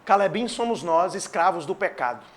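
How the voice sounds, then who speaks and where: A man preaching a sermon in a church with a Brazilian Portuguese accent, swinging between loud declarations and hushed asides. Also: sits high, expressive, brisk. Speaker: pastor.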